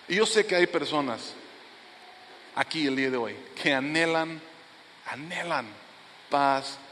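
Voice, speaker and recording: A middle-aged pastor preaches a sermon in a church sanctuary. His voice sits fairly high for a man, and he drops into soft, low lines to press a point home. A long reverb trails off his words through the hall. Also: a little hiss or hum.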